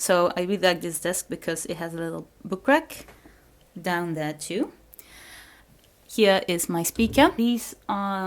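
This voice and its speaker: Camera in hand, a young Belgian vlogger leads a casual walk through her small apartment, one room at a time. Her voice sits on the low side, her first language is Dutch, and she breaks into giggles or whispers now and then.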